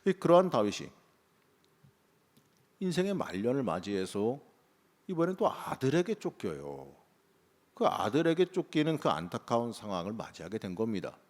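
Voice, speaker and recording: A man's voice: medium pitch, big pitch swings, moderate pace, pauses often, darkish tone. A male pastor preaching a morning sermon, talking in a conversational way and rising into emphatic bursts. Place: church sanctuary. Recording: long church reverb.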